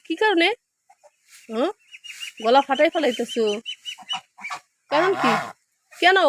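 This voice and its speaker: A woman talks gently to a hen, asking the same questions again and again in a soothing way. She is outdoors in a farmyard. Chickens cluck behind her, and the recording has clear background noise. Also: high-pitched. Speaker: poultry keeper. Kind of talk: coaxing talk to a hen.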